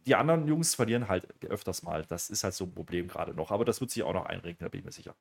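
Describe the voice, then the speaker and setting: A man's voice: deep voice, expressive, very fast, creaky, slightly rough. A man co-hosting a casual wrestling review podcast, chatty and full of hesitant fillers.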